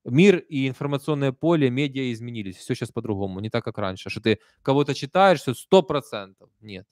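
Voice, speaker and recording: This streamer, a Ukrainian man in his thirties with a Kyiv Russian accent, reads out viewer comments in live stream chat, animated and brisk. His pitch is middling, his manner conversational and emphatic, broken by quiet asides. A close desk stand mic in a small indoor room yields a dry, echo-free sound.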